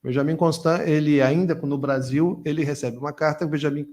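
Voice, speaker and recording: A man's voice: a little high, fairly even intonation, brisk, a little mellow. A middle-aged man answering questions as a guest lecturer at a conference, talking discursively with frequent restarts and repeated words.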